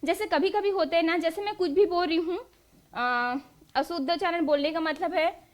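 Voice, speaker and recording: A woman's voice: extremely high pitch, normal speed. A young woman teacher leading an exam-prep lesson, asking the class questions and answering them herself. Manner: drills students with quiz-style questions, then answers them.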